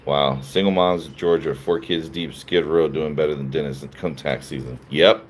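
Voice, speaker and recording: A man with a very low, deep voice riffs through a casual live stream, answering chat and laughing between his jokes. He sounds sleepy and loose, with a faint hiss of noise under him. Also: steady tone, normal speed. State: sleepy, yawning. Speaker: livestream host reading chat.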